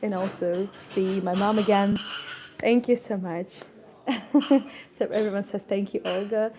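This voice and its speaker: A woman's voice: medium pitch, measured pace, background noise. A woman guide chatting casually and thankfully on a live stream from a cozy café, laughing often and stumbling over her words. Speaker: tour guide vlogger. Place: cozy indoor garden café.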